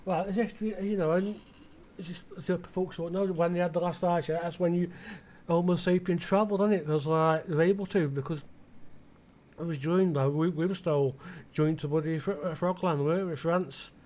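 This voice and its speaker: British male gaming creator, slightly raised pitch, loose meandering commentary full of self-questions. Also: fairly even intonation, brisk, a little mellow. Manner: musing aloud, asking himself questions, many restarts. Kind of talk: rambling flight-sim commentary.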